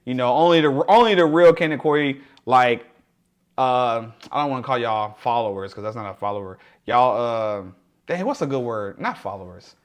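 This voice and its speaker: A man's voice: medium pitch, moderate pace. A young man casually chatting to his livestream viewers, laughing often and greeting them by name. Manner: drops to a hushed voice to share a secret. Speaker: livestream host.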